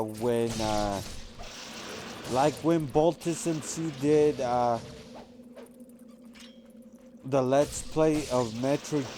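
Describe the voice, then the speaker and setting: A man's voice: medium pitch, a little mellow, a little hiss or hum. A man casually telling rambling personal stories while commenting over gameplay, with lots of fillers and restarts. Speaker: gaming channel host.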